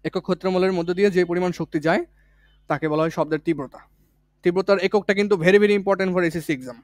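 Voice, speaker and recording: A man teaches a physics lesson for exam prep. His voice sits high, and it is recorded dry and close. He speaks casually and repeats each key point. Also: fast, no room sound. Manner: colloquial, with village words.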